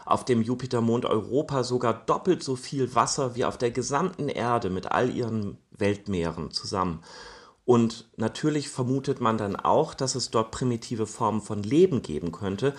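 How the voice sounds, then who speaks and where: Mid-pitched man explaining science to children. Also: lively intonation, moderate pace. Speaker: astronomy expert from an observatory.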